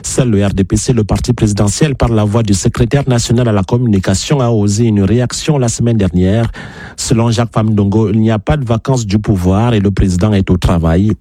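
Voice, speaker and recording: A man delivering a news report as a correspondent, steady and serious. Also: fairly low pitch, brisk, no echo.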